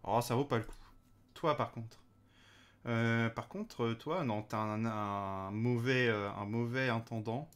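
This let's play host has a medium-pitched, clean-toned voice and keeps a measured pace. He chats casually about the game with plenty of hesitations and fillers, sometimes speaking directly to the characters on screen.

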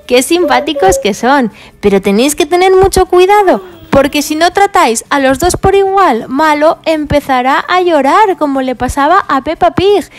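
A woman's voice: sits high, lively intonation, moderate pace. A woman presenting toys and explaining them cheerfully to children. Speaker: toy video presenter. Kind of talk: toy play and review for children.

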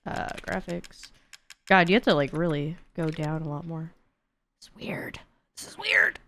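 Deep-voiced and a bit bright, a young woman speaks a little slowly over slight background noise. She is a video game streamer and speedrunner whose casual livestream chat is candid and sweary, as she thinks aloud into a close mic from a small indoor home streaming room.

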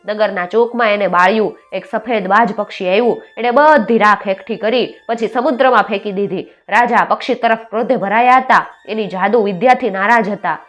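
Woman doing pushy village farmer guys, voice pitched up, urging and chatty. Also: lightly acted. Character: group of insistent village farmers, men.

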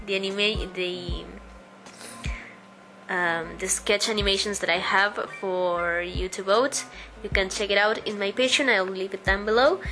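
This young artist, a native Spanish speaker from Uruguay with a Spanish accent, has a medium-pitched voice and talks haltingly, full of ums and restarts, while answering viewer questions over a speedpaint video. The audio is poor, with soft background music.

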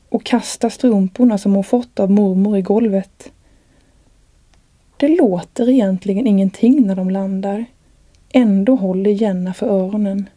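An author reading from her own novel in a calm, measured voice. Her tone is unusually dark and mellow, at an average pitch. The recording is close and dry. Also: dry recording.

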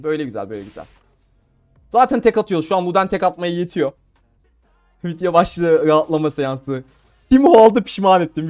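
A young man from Turkey giving casual, playful commentary on his own gameplay, laughing and talking to viewers. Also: fairly high pitch. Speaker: gamer streamer.

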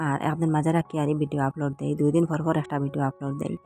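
A woman's voice: low-pitched, level tone, very fast, vocal fry, dark tone, soft background music. A woman in her thirties with a Sylheti accent, talking casually and earnestly to her viewers in a village vlog. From Sylhet region, Bangladesh. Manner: pleading, earnest. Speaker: village lifestyle vlogger.

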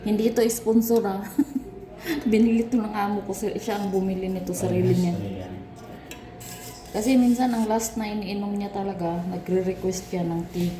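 A woman's voice: mid-range voice, steady tone, normal speed, crowd noise. A woman vlogging in casual chat from her office, talking to herself and laughing often. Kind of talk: casual vlog talk. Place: office at work. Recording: echoey room with background noise.

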